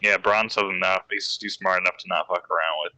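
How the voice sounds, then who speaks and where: A man talks casually as a tabletop game player. His voice is lowish yet very bright and forceful, and he speaks slowly in a dry, echo-free recording. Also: steady tone.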